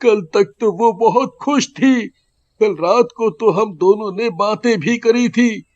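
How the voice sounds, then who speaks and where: A man's voice: high-pitched, takes it slowly, darkish tone. A man voicing a young village husband in a cartoon, pleading and tearful in a frantic way. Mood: sobbing. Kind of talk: cartoon voice acting. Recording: muffled lo-fi audio.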